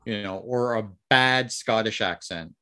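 A man's voice: fairly low pitch, unhurried, bright, forceful tone, smooth. A man co-hosting a wargaming podcast, trading wry, joking banter in a casual chat. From Canada. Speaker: podcast co-host.

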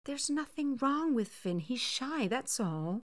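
A protective young aunt, sharp and impatient, her voice lifting higher as she argues, as a woman reader puts her on. It is a storybook part. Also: big pitch swings, slow, no room sound, studio quality, exaggerated voice. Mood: exasperated.

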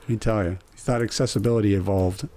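A man's voice: fairly low pitch, steady tone, fast, background noise. A man hosting a podcast, bantering casually with rambling jokes and laughter. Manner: joking, rambling with frequent laughs. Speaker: podcast host.

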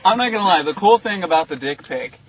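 A man's voice: high voice, expressive, fast, crowd noise, rough recording. A young man co-hosting a crude podcast among friends, telling rambling stories with frequent laughter. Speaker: podcast co-host.

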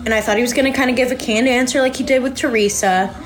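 A woman's voice: fairly high pitch, steady tone, fast talker, faint music behind. A young woman hosting a podcast, chatting casually and reacting live as she watches a show. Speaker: podcast host. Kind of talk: casual recap chat.

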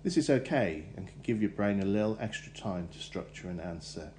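A man gives interview advice in a measured, instructive way. His voice sits low and sounds mellow and relaxed. A faint hum stays in the background. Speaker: careers adviser. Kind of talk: scripted advice segment.

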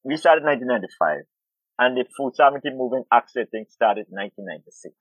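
Speaking very fast and expressively in a mid-range voice, a middle-aged urban farmer and food activist from Guyana talks about farming as an interview guest. He's reflective and tends to repeat words as he hunts for the right ones. The line sounds tinny, like a phone, with no room sound.

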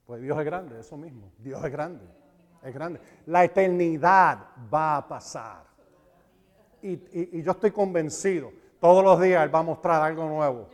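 A man preaching a sermon, animated and emphatic, repeating phrases for stress. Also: on the high side, unhurried. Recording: reverberant hall.

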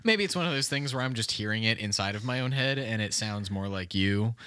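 A man's voice: fairly low pitch, lively intonation, pushed and bright, no echo. A man hosting a comedy podcast who talks casually, teases his guest and keeps interrupting. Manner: teasing, interrupting, quick-talking. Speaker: podcast host.

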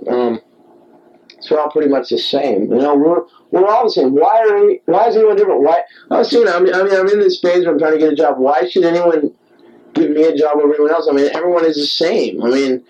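A man's voice: on the high side, quick pace, a little mellow. A man recorded on a tape recorder like a dictaphone, rambling alone late at night in a digressive, repetitive, self-mocking way. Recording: dull home tape recorder.

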